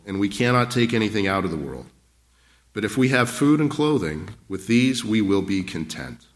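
A man's voice: lowish voice, a bit bright. Man preaching a fervent sermon. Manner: preaching with rising emphasis and rhetorical questions. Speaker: pastor.

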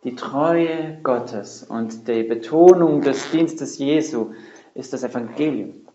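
A man's voice: medium pitch, slow, warm tone, a little hiss or hum. Male preacher, mid-range voice, earnest and emphatic; roomy, lo-fi church recording. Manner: earnest, emphatic, with rhetorical questions and repetition. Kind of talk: sermon. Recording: roomy, dull lo-fi sound.

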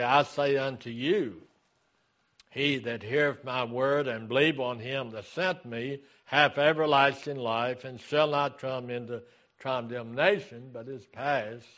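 Slow, deliberate male preacher. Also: mid-range voice, fairly bright tone. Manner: deliberate preaching, repeating key phrases. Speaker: pastor. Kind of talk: sermon.

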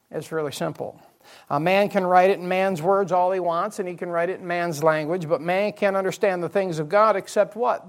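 At a midweek evening church service, a high-voiced pastor works through Bible verses in his sermon. He repeats key phrases and poses rhetorical questions to the congregation.

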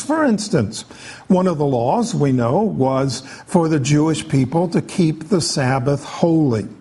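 Slow husky male preacher. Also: fairly high pitch, mellow. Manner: explanatory, unhurried with frequent "uh" pauses. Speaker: pastor. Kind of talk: sermon.

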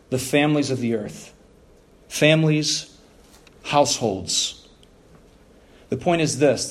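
A male preacher with a voice set a little higher than most men's delivers an expository sermon. He is deliberate and instructive, reading scripture aloud and explaining it, often by way of rhetorical questions.

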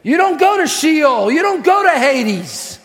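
A man preaching a fervent sermon, swinging between quiet teaching and shouted, drawn-out emphatic lines. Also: very high-pitched, very animated. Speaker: pastor. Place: church sanctuary. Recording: long hall reverb.

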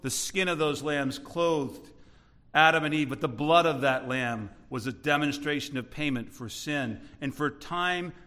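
A man preaching a sermon, telling Bible stories with lively acted-out voices and frequent questions to his audience. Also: a little high. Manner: animated storytelling, acting out Bible voices.

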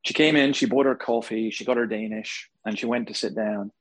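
A man preaching a sermon to a congregation, telling stories with humor and animated emphasis. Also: lowish voice, fairly quick, low-quality recording. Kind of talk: sermon with storytelling. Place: church hall before a live congregation.

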